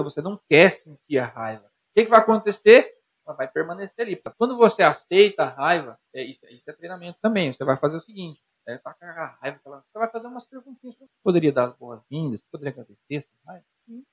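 Fast-talking husky Brazilian man. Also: fairly high pitch. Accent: Brazilian Portuguese. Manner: animated, talks to the listener directly with rhetorical questions. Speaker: psychologist guest. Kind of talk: conversational explaining with examples. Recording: dull lo-fi sound.

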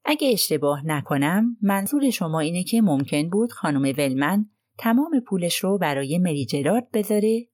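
A woman voicing a courteous, gently probing male detective in an audiobook, speaking politely and sympathetically. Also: fairly low pitch, animated, dry recording, studio quality.

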